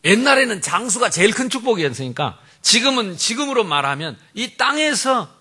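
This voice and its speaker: A male pastor preaching a sermon in an animated, humorous way, swinging between loud emphasis and quiet asides. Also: sits high, brisk, husky.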